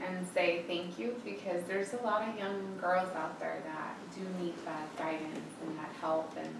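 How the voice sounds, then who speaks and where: A woman's voice: on the low side, level tone, unhurried, gravelly. A woman around thirty leading a girls' youth group, talking casually with many fillers and frequent laughs. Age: 30s. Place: room of a church, echoey. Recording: echoey room, mic far off, noisy background.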